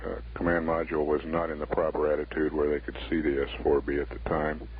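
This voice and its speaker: Very deep, flat mission control announcer. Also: male voice. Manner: measured, factual, deadpan. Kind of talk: formal spaceflight status commentary. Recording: narrow 1960s broadcast line, faint noise.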